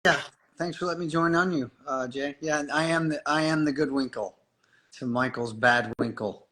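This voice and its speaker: A man's voice: on the high side, normal speed, sharp tone. A man joining a live stream as a guest over a video call, easygoing and friendly. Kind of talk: casual live stream chat.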